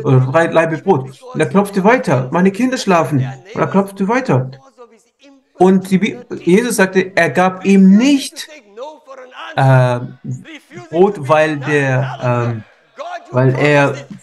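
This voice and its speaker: A man interpreting a sermon live, speaking fervently, repeating himself and restarting words as he goes. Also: on the high side.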